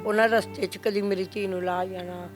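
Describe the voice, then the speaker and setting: A woman's voice: medium pitch, steady tone, moderate pace. An older woman, the mother of a victim, speaks with a strong Punjabi accent. She is grief-stricken and pleads, repeating herself as she talks. Faint music sits behind her voice. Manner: pleading, repetitive, emotional. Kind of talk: grieving testimony to a reporter.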